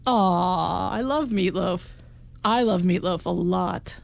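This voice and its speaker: A woman's voice: fairly low pitch, slow pace, creaky, dry recording. Middle-aged woman, casual podcast chat, frequent laughter, dry close sound. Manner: chatty, laughs often, trailing restarts. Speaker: podcast co-host. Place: home in upstate New York.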